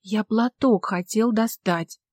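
A woman voicing a young, blunt but good-natured village policeman with folksy, steady talk. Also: medium pitch, normal speed, dry recording, studio quality, close to an everyday voice. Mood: gentle. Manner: plain-spoken folksy talk, calm and steady.

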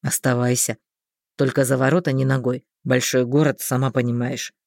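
A woman reading an audiobook voices a calm, caring male mage who speaks in a measured, unhurried way. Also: vocal fry, dry recording, studio quality. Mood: gentle. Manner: unhurried, measured, low and soft. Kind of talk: audiobook character voice.

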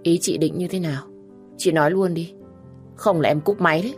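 A woman's voice: low-pitched, animated, moderate pace, darkish tone, faint music behind. Woman voicing a defiant young heroine. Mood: curt. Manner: firm, curt, defiant.

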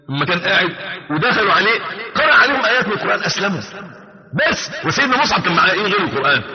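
An older man preaching a sermon in an Egyptian Arabic accent, speaking emphatically and slowing down to recite verses. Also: on the high side, in a large hall, muffled recording. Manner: animated, emphatic rises, slows to recite verses.

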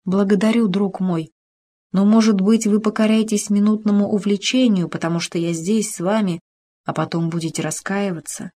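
A woman's voice: medium pitch, fairly even intonation, moderate pace, warm tone, natural voice. A woman voicing a proud young noblewoman in an audiobook, reading her lines in an earnest, reproachful manner. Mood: thoughtful.

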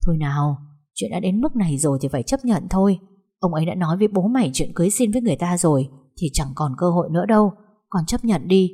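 A tired mother tries to talk her daughter round, her tone coaxing and resigned, read by a woman. The voice is warm and lowish. It is a storybook character. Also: lively intonation, fast, slightly rough.

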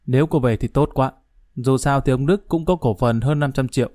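A man's voice: mid-range voice, fairly quick, warm tone, no room sound, clean studio sound, lightly acted. A man voicing a sly, domineering woman near fifty who talks in a cool, mocking, condescending way.

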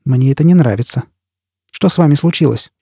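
A man's voice: a little high, brisk, creaky, mellow, husky, no echo. A male reader voicing a dry, probing male security chief in an audiobook. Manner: dry, probing, then agitated. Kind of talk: audiobook character reading.

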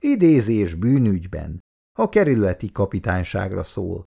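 A man's voice: low voice, huge pitch swings, gravelly, dark tone, slightly rough, full character voice. Man doing an officious, lecturing mailman. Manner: condescending, lecturing.

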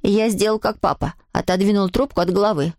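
A woman reading a children's story aloud as an audiobook narrator, lively and expressive. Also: mid-range voice, fast, dry recording, clean studio sound.

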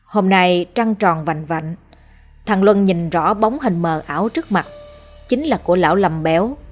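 A woman reading a horror story aloud in a measured, somber narration. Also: on the low side, lively intonation, soft background music.

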